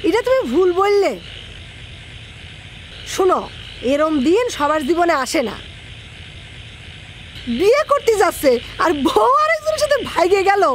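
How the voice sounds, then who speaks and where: An actress playing a sharp, self-righteous wife. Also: female voice, extremely high pitch, slight background noise, full character voice.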